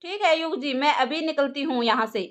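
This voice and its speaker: A woman's voice: high-pitched, fairly quick, natural voice. A woman voicing an eager, shy young woman in love in an audio story. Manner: hesitant, sweet.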